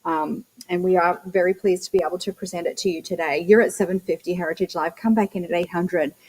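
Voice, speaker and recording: A woman's voice: lowish voice, steady tone, fast, a little mellow, breathy edge, rough recording. A woman working as a live auctioneer, chanting bid numbers and prompts between short descriptions of the lots.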